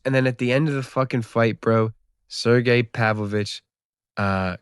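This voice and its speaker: A man's voice: mid-range voice, dry recording. Young guy ranting about fights, swears a lot, jokey and rambly, dry close sound. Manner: profane, rambling, joking. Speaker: YouTube MMA commentator. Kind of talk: casual comedic recap.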